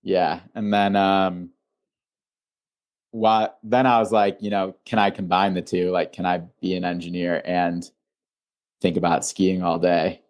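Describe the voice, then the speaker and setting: Young male founder from Illinois, deep-pitched, loose and chatty in conversation. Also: unhurried. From Illinois, USA. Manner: relaxed, rambling, many "like" fillers. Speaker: founder and guest. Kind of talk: casual interview.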